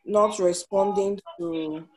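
A woman's voice: mid-range voice, steady tone, slow, a little mellow, poor audio. A woman in an online discussion group on a video call, hesitantly explaining what she learned about patience. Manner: hesitant, searching for words with many ums. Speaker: group member. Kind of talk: casual online group meeting.

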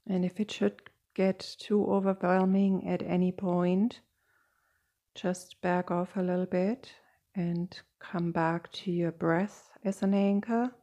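A woman guiding a meditation in a slow, soft and soothing manner, with long pauses. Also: on the low side, steady tone. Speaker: meditation guide. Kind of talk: guided meditation.

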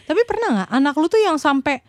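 Counselor co-host: fairly high-voiced woman, dry close sound. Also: animated, fast talker, no echo. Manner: encouraging, frequent agreeing backchannels. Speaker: podcast co-host, parenting counselor. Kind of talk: casual chat.

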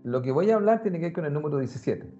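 A man talks in a lively, conversational way, often turning straight to the listener. His voice sits a little high. The recording is muffled and lo-fi, with faint music in the background. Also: fast talker. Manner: animated, conversational, addresses the listener directly. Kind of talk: casual explanatory talk.

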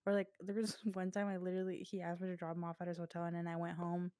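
A woman's voice: fairly low pitch, completely flat delivery, quick pace, mellow, dry recording, studio quality. A young woman co-hosting a podcast in casual chat, talking with lots of "like" fillers and breathing hard from a cough. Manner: chatty, fillers like "like", laughs often. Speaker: podcast co-host. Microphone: podcast mic.

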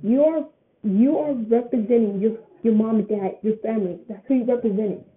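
An eighteen-year-old woman shares her views in a loose, casual vlog. She rambles and circles back over the same phrases, in a voice pitched a little high. The audio is thin and tinny, like a phone line. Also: a little fast, slight background noise. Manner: rambling, repeats phrases often.

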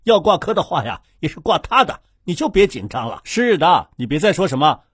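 A man's voice: fairly high pitch, very animated, fairly quick, slightly rough, no room sound, clean studio sound, pitched below the performer's own voice. A man voicing a doting, fussy old grandfather in a comic family audio drama, scolding yet affectionate. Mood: fond.

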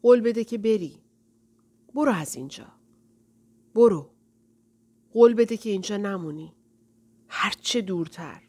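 A woman's voice: animated, long pauses, a little mellow, lightly acted. A woman reading a faint, pleading young woman. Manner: low and faint, as if from a well. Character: weak young woman, pleading, hidden under a quilt.

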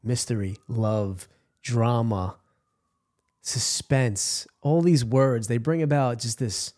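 A man's voice: medium pitch, takes it slowly, darkish tone. A man co-hosting a podcast, speaking in a laid-back, dreamy way. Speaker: podcast co-host. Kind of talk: casual chat.

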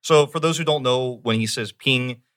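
A man's voice: medium pitch, moderate pace, fairly bright tone, clear, resonant tone. A young man hosting a casual interview as an esports broadcaster.

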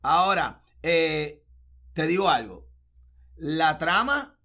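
A man, co-hosting a casual film review podcast, animated and slipping English words into his talk. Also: on the high side, takes it slowly. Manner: animated, mixes English into Spanish, many restarts. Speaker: podcast co-host.

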